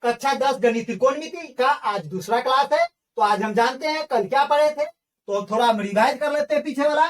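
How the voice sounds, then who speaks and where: Her high-pitched voice animated and at a normal speed, a woman teacher leads an online math lesson, recorded from a distance. She drills students in call-and-response style and calls the viewers her friends.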